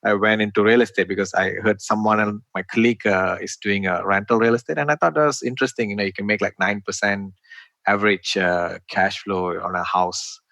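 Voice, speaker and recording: A man's voice: fairly low pitch, steady tone, a little fast, vocal fry, sharp tone, no room sound. A middle-aged man from Malaysia, talking as an interview guest in a chatty way, full of "you know" and "right?" tags. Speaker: guest, real estate investor. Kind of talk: interview conversation.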